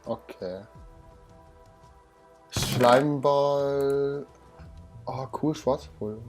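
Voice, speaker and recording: A man's voice: medium pitch, fairly even intonation, extremely slow, a little mellow, faint music behind. A young man with a Swiss German accent, chatting playfully and a bit whiny while playing a game with a friend. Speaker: let's play host. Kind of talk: casual gameplay chat.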